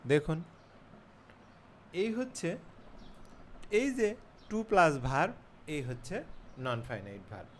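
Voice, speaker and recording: A man teaching grammar at an unhurried, patient pace, his voice sitting a little higher than most men's. He often stops to spell words out letter by letter and fills his pauses with soft "uh"s. A faint hiss of background noise runs under the recording. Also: lively intonation. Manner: patient, slow explanations, spells words letter by letter, frequent "uh" fillers. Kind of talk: explaining grammar in a class video.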